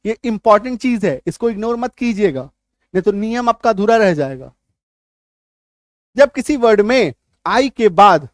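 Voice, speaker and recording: A man's voice: high-pitched, no room sound, clean studio sound. A man, teaching English spelling rules at a whiteboard. He spells words out letter by letter, checks often whether students follow, and answers his own questions. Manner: repeats key points as questions and answers them. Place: classroom at a whiteboard.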